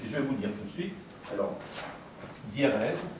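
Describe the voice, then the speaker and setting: A man lecturing on poetry translation to an audience, patient and repetitive, spelling out each term with frequent pauses. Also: mid-range voice, expressive, background noise. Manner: patient, repeats and spells out terms, pausing often. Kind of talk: explanatory talk to an audience. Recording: echoey room from far off.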